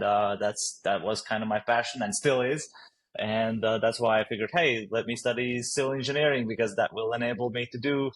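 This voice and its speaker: A Latvian startup founder with a Latvian accent answers interview questions hesitantly, using many fillers and laughing easily. His voice sits in the mid range.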